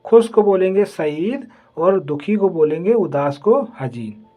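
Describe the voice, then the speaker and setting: A teacher leading a slow vocabulary lesson, saying each word several times and checking in with the listener often. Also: medium pitch, animated, narrow, tinny audio, faint music behind. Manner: slow, repetitive drilling, says "ठीक है" often. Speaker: Arabic teacher. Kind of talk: vocabulary lesson, repeating words.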